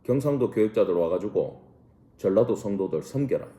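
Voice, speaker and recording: Lively male pastor teaching Bible study. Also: fairly low pitch, fairly quick, echoey room. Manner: lively, asks the class rhetorical questions, mixes casual and polite speech. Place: church room.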